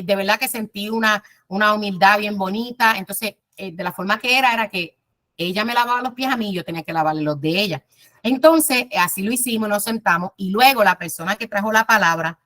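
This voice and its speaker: A woman teaching a Bible class in a conversational way, telling personal stories, speaking directly to her listeners and pausing often with "eh". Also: mid-range voice. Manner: warm storytelling, addresses listeners directly, frequent "eh" pauses.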